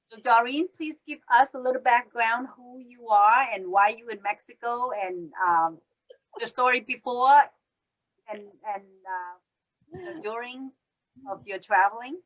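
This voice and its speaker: A woman hosts a podcast interview, keeping the chat casual and asking friendly prompting questions in English with non-native grammar. Her voice is on the high side and a bit bright, at a measured pace, with the highs cut off.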